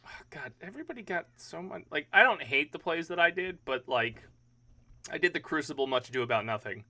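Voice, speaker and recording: A man's voice: on the high side, lively intonation, a little fast, sharp tone. A young man hosting a podcast, chatting casually, cursing now and then and trailing off mid-question. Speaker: podcast host.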